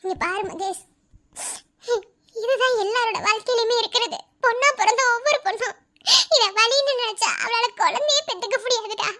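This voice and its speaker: A woman's voice: very high-pitched, moderate pace, background noise. A woman voicing a brave young pregnant wife who comforts her frightened husband, tender and teasing. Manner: tender, teasing, laughing through tears. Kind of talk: cartoon voice acting.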